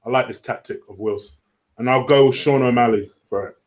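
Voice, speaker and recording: A man's voice: medium pitch, brisk. A man hosting a casual fight-preview chat, teasing his co-hosts and laughing often. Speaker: podcast host.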